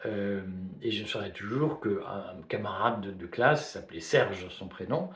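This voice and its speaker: A man's voice: lowish voice, normal speed, a bit bright. A man from Belgium, giving spoken video commentary in a hesitant way, full of fillers and restarts. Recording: roomy echo.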